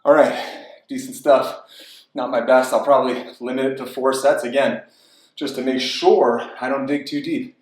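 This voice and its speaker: A man's voice: medium pitch, steady tone, normal speed. A man talking casually between sets of a home workout, out of breath and candid. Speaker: fitness vlogger. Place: apartment home gym. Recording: roomy echo, from far off.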